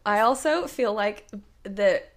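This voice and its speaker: Hoarse woman chatting on a podcast. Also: medium pitch, slow pace. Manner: chatty, laughing often, animated retellings. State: hoarse from illness. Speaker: podcast co-host. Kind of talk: casual chat.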